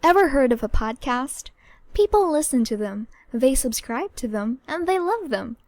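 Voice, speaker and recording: A woman's voice: sing-song, moderate pace, dry recording. Brief: woman playing a confident female podcast promoter, radio style. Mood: punchy. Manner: deepened, punchy radio-personality delivery.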